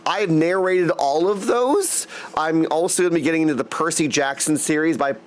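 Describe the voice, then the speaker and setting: Speaking at a moderate pace in a slightly high voice, a man casually chats with viewers while livestreaming a video game, moving between responses and catchphrases. He works as a voice actor and audiobook narrator, and music plays underneath.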